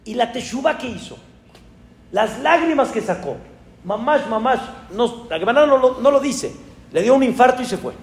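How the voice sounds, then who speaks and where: A man with a Mexican accent, a rabbi telling a story in a sermon with animated, dramatic exclamations. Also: extremely high pitch, normal speed, echoey room, big-room sound.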